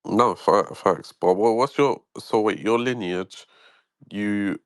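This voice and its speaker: A man's voice: fairly low pitch, slow pace, no echo. A man calling into an audio chat, asking curious questions hesitantly with lots of fillers. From London, England. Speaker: caller in an audio chat room. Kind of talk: casual chat.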